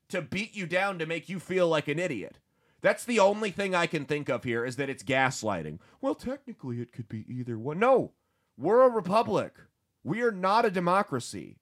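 A man hosting a political talk show, ranting emphatically with frequent repeated words. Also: high voice. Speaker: podcast host.

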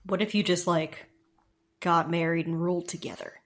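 A woman's voice: lowish voice, steady tone, normal speed. A woman playing a tabletop game, bubbly and chatty, rambling through her questions. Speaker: player. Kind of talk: casual tabletop game play.

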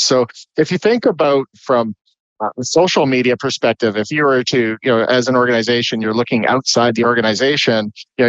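A man's voice: medium pitch, no echo. A man speaking as a guest, talking at length about his company and filling his sentences with "you know" and restarts. His voice comes through a dull, muffled line, dry with no room around it. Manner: fluent but full of restarts and "you know". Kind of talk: explaining business at length. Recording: dull, dry remote audio.

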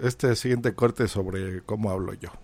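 A man's voice: fairly low pitch, steady tone, a little slow, a little mellow. A man with a Mexican accent co-hosting a casual, jokey podcast chat. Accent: Mexican Spanish. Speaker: podcast co-host.

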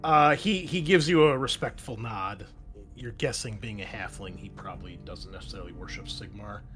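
Low-voiced male game master over music. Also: moderate pace, a bit bright. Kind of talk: narrating a tabletop game and reading battle prose aloud. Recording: music playing underneath.

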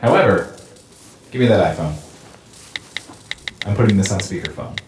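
A man's voice: low voice, expressive, normal speed. A man playing a laid-back, bodiless, staticky figure who talks in casual slang. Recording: roomy echo with faint hiss.

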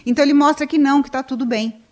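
A middle-aged Brazilian woman, a clinical psychologist guest on a radio talk show, explaining lively and acting out what people say. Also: sits high, very fast. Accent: Brazilian Portuguese. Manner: animated, acts out quoted people in raised voice.

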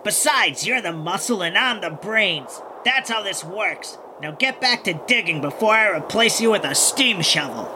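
A man's voice: high-pitched, lively intonation, moderate pace, few pauses, background noise. A man voicing a bossy, sneering, conceited poacher boss, the villain of a children's audio adventure, full of scornful insults. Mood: irritated, bossy.

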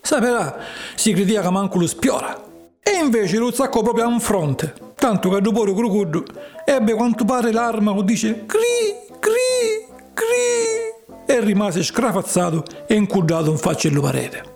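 A man's voice: high voice, big pitch swings, moderate pace, a little mellow, faint music behind. A man narrating a children's tale expressively. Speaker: storyteller. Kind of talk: storybook narration.

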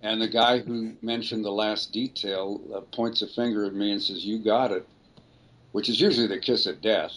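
An older man, a voice actor, telling a rambling, relaxed story in an interview. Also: fairly low pitch, moderate pace. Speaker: voice actor guest. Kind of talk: anecdotal storytelling.

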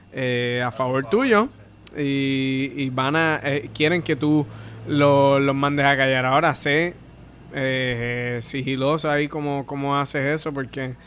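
Bright-voiced Puerto Rican comedian. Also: male voice, medium pitch, slight background noise. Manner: animated storyteller acting out quoted voices. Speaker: stand-up comedian, guest. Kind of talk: casual podcast chat.

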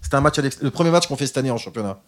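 A man's voice: medium pitch, animated, very fast. A man on a football talk panel who mocks and heckles the others, interrupting constantly. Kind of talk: heated panel debate.

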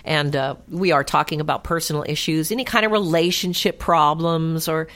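A low-pitched woman hosts a call-in advice show on the radio. She talks in a chatty, reassuring way with plenty of fillers. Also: normal speed, a bit bright.

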